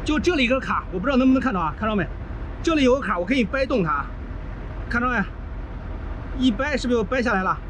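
Trucker guy from china, really high voice, swearing while he fixes stuff, noisy yard. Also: animated, fast talker, long pauses, fairly bright tone. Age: middle-aged. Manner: blunt, swears freely, teaches step by step. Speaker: trucker vlogger. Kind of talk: casual how-to commentary while repairing. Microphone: body-worn action camera.

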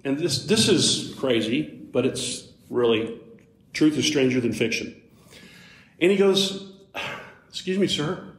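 A man giving a motivational talk in a big, roomy hall, his mid-range voice ringing off the walls. He tells his story conversationally, turning to the crowd with quick asides, then suddenly leaps higher and louder to drive a point home. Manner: animated storyteller with sudden jumps up in pitch and loudness. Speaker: motivational speaker. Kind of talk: live storytelling talk to a youth audience. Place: large hall with a live audience. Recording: roomy live hall sound.

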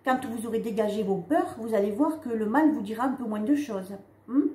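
A woman giving a casual spiritual card reading, talking straight to her viewers in a halting way with frequent "hein" and "d'accord" tags. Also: on the high side, dark tone. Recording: echoey room with faint ambient noise.

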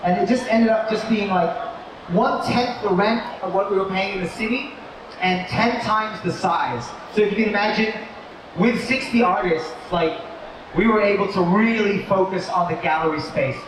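Aussie guy rambling through a live talk at a mall expo, loud crowd noise, super echoey. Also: sits high, normal speed, recorded from a distance. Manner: relaxed, rambling with fillers and restarts. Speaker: toy company co-founder giving a talk. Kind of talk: casual live presentation. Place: large indoor shopping mall expo. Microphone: distant mic on a live talk.

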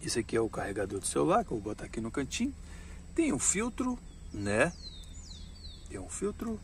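Outdoors by the road, an action camera on the ground records a motorcycle vlogger in his thirties walking viewers through his gear. His mid-range voice swings hugely in pitch, and he speaks slowly and repetitively, addressing everyone as "pessoal." Slight background noise is present.

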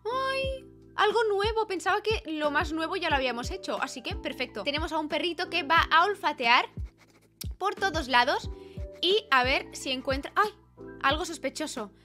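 A young woman with a very high-pitched, animated voice and a sharp tone speaks at a moderate pace over soft background music. A gaming YouTuber in a small bedroom lit purple, she gives playful, chatty commentary as she plays, reading on-screen lines aloud into a close studio mic on an arm.

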